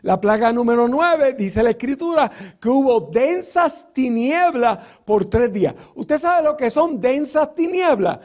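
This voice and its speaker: A man's voice: extremely high pitch, big pitch swings, a little slow, few pauses, a little mellow. A man preaching a sermon, teaching Bible verses with rhetorical questions and frequent filler sounds.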